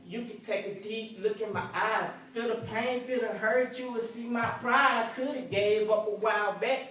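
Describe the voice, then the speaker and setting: At a graduation ceremony, a young man performs his own rap with a sung hook, his voice high and fairly bright with fairly even intonation at a moderate pace. The rhythmic performance is recorded from far off in a large, echoey hall.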